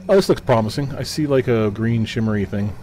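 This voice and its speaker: A man's voice: on the low side, fairly quick, darkish tone, slight background noise. A man casually narrating what he sees while playing a game on a livestream. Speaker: livestream gamer. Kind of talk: casual gameplay chat.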